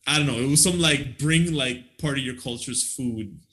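Forceful, rambling man. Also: mid-range voice, normal speed. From Canada. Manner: rambling, slangy, animated. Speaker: podcast co-host. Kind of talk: casual chat, storytelling.

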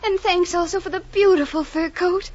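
A meek teenage daughter. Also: female voice, extremely high pitch, steady tone, normal speed. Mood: eager. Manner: soft, hopeful, timid. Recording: dull lo-fi old radio recording.

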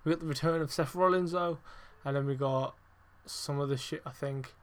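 A man hosting a casual wrestling review podcast, rambling with lots of fillers, swearing heavily and getting excitable and emphatic. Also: on the high side, normal speed. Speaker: podcast host.

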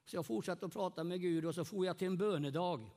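High-voiced male pastor preaching in a hall. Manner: animated, swings loud and soft, asks the congregation questions. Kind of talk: evangelistic sermon. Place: meeting hall with congregation. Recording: long hall reverb.

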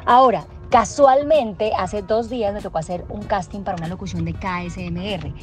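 A woman's voice: mid-range voice, moderate pace, music in the background. A young adult woman from Colombia, a voice actor and singer, answering interview questions thoughtfully with frequent restarts and fillers.

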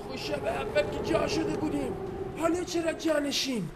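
A man voicing frantic men shouting warnings across a boat in a storm, high and strained, in a story reading. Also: steady tone. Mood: urgent. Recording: noisy recording.

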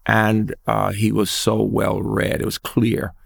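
A man's voice: fairly low pitch, monotone, slow, gravelly. An older man, an educator, recounting his memories in an earnest, emphatic way during an interview. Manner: earnest storyteller, thoughtful and emphatic. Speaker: guest, educator.

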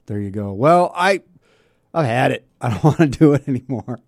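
A man's voice: medium pitch, lively intonation, normal speed, a little mellow, no room sound. A male talk radio host chats casually in a mid-range voice. He grumbles wryly and tosses out rhetorical questions. The sound is close and dry.

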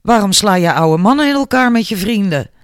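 A man's voice: sits high, animated, brisk, clean tone, dry recording, clean studio sound, pitched above the performer's own voice. A man voicing a bold, fearless young woman in an audiobook, speaking with sarcastic scolding. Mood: defiant.

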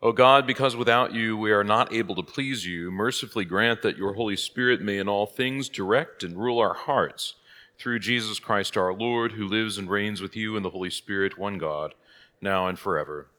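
A pastor leading a prayer and then teaching a catechism class in a conversational way, thinking aloud, heard with a cathedral-like echo. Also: male voice, lowish voice, moderate pace, bright, forceful tone. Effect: cathedral-like echo, long hall reverb. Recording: long reverb in a large hall.

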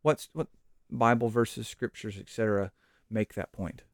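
A middle-aged man hosting a podcast, talking in a relaxed, chatty way with fillers and side stories during a Bible study conversation. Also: fairly low pitch, measured pace, dry recording, clean studio sound. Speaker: podcast host.

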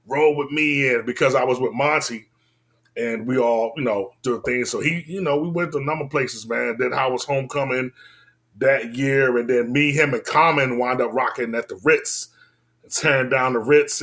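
Speaking with a Washington, D.C. accent, this forties-aged man recounts his story in a relaxed, slang-heavy way. His volume wanders from loud to quiet.

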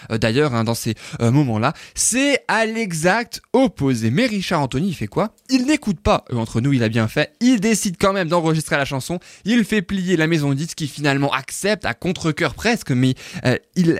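A man's voice: a little high, dry recording, clean studio sound. Chatty male radio music host. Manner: chatty, lively storytelling with frequent fillers. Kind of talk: radio music show presenting.

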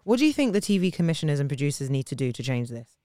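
A woman's voice: low-pitched, big pitch swings, racing, warm tone, no room sound, clean studio sound. A woman hosting a casual interview in an enthusiastic, affirming way. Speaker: interview host.

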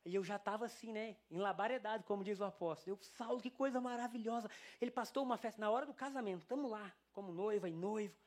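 A man's voice: sits high, fast talker, few pauses. A male pastor with a Brazilian Portuguese accent delivering a sermon in church, telling a story and acting out the dialogue. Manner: animated storytelling, acts out quoted dialogue.

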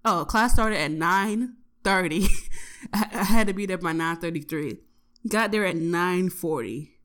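A woman's voice: on the low side, unhurried, fairly bright tone. A young woman telling a story from her day in a casual, profane and exasperated way, with lots of swearing. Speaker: podcast host.

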